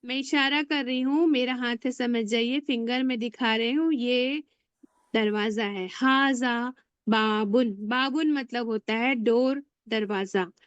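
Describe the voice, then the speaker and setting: A woman teaching a beginner Arabic class online, drilling words slowly and asking the class to repeat after her. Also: fairly high pitch, smooth, no echo, dull audio.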